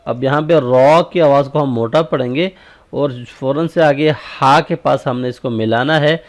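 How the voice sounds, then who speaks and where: A man teaching a tajweed lesson on Quran recitation. He explains step by step, checks in with "okay?", and slows down into drawn-out recited examples. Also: medium pitch.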